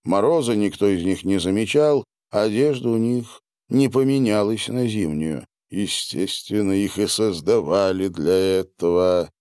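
Low voiced guy reading a novel aloud, measured and expressive, dry close mic. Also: clear, resonant tone, no room sound. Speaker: audiobook narrator. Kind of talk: scripted narration.

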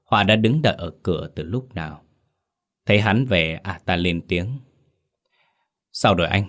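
A man narrating a ghost story in a steady, suspenseful storytelling manner. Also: sits low, normal speed.

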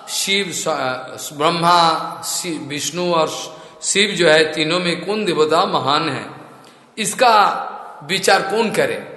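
A male preacher tells scripture stories in a lively, animated way and keeps throwing rhetorical questions at his listeners. His voice sits fairly high. The recording is from a temple hall with strong echo and a long reverb tail. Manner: animated storytelling, rhetorical asides. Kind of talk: Hindi religious discourse.

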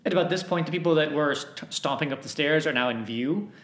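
A man's voice: a little high, a little fast, fairly bright tone. Hesitant man running a tabletop game. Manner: hesitant, many fillers and restarts. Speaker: game master. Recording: echoey room.

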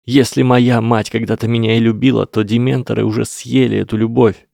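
In an audiobook, a man voices a desperate young boy wizard who weeps, trembles, pleads, and finally screams, his anguish clear. The voice is mid-range and pitched above the performer's natural one, with fairly even intonation, a moderate pace, and a creaky, slightly rough, a little mellow quality, recorded in studio quality with no echo.

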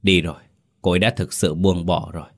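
A man voicing a calm older male exorcist who speaks in a measured, instructive way. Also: low-pitched. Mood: solemn.

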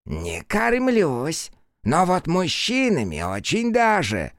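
A man voicing an old cannibal mountain witch who drawls slowly with a sly, mildly menacing calm. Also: on the high side, no room sound, studio quality, voice pushed up, heavily acted. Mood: drawling. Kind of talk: audiobook character voice.

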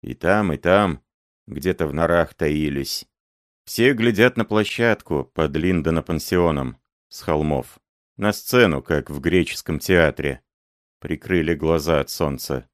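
A man narrating a story aloud in a grave, measured way. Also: very deep voice, dry recording, studio quality. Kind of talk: audiobook narration.

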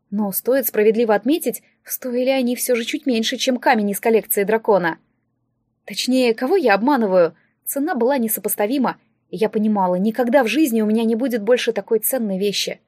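A woman narrating a first-person audiobook in an expressive, emotional storytelling manner. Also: on the high side, no echo, clean studio sound.

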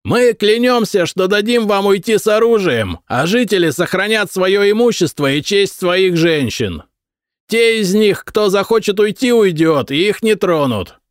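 Loud, high-pitched envoy on horseback , man narrator doing it, audiobook, dry sound. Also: animated, a little slow, no room sound. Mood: shouting, demanding. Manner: shouted, high and strained. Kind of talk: audiobook character voice.

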